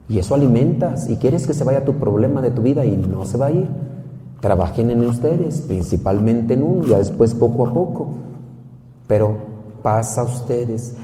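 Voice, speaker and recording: A priest giving an animated sermon, telling stories and asking rhetorical questions. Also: male voice, mid-range voice, big-room sound.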